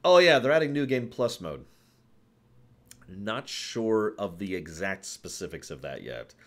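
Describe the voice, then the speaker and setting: Unhurried and sing-song, a man with a fairly low voice hosts a livestream and chats casually about games with his live chat. He rambles and digresses in an emphatic way, often repeating phrases to stress them.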